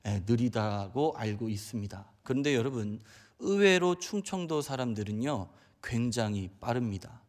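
Pastor preaching in a reverberant hall. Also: male voice, mid-range voice, expressive, moderate pace. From Chungcheong Province, Korea. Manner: storytelling, addresses the congregation often. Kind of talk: sermon with a humorous illustration.

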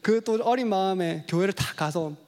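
A man preaching a sermon to his congregation, telling a childhood story in an animated way and acting out voices. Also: sits high, normal speed. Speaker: pastor.

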